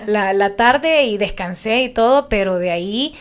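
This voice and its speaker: A young Honduran woman speaks with a Honduran Spanish accent. She is a radio announcer and talks animatedly and passionately, often restarting her sentences. Her voice sits at a middle pitch. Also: expressive, measured pace, clean tone. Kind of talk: casual interview chat.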